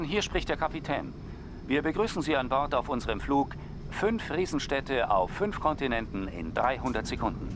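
A man's voice: medium pitch, natural voice. A man playing an airline captain who makes formal flight announcements to the passengers, with a dry, joking edge. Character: male airline captain making cabin announcements. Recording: clear vehicle engine noise behind.

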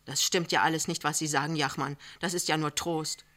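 An anxious young wife, as a reader puts her on for an audiobook, earnest and pleading. Her words press forward with urgent emphasis, in a bright, forceful tone. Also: mid-range voice, steady tone, a little fast, lightly acted. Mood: bitter. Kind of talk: audiobook character reading.

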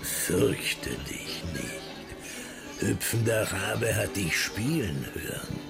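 An actor playing an eerie mystic fortune-teller who speaks of spirits in a slow, portentous drama delivery that sinks into whispers. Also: male voice, lowish voice, big pitch swings, vocal fry, heavily acted. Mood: solemn, eerie. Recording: loud music under the voice.

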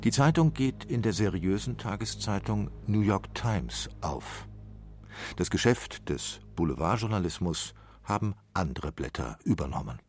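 A man reads a radio documentary script in a low, measured voice. Music plays clearly under his narration. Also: lively intonation. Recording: voice over music.

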